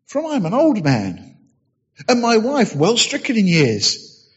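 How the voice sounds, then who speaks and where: A man's voice: high-pitched, wildly swooping pitch, takes it slowly, husky, muffled recording, pitched above the performer's own voice, full character voice. A man voicing a skeptical old priest questioning a message. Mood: doubtful.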